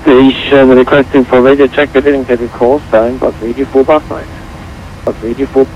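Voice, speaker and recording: A man's voice: medium pitch, flat delivery, moderate pace. Man on a crackly headset radio. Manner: terse, routine readbacks of numbers. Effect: crackly radio transmission, like a headset radio. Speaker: air traffic controller. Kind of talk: clipped radio phraseology. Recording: muffled radio feed with faint hiss.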